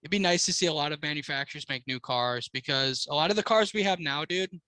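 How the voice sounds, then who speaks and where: A man's voice: a little high, fast talker, sharp tone, clean tone, no room sound. An American man co-hosting a casual podcast, talking like a slangy, swearing frat bro. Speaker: car podcast co-host.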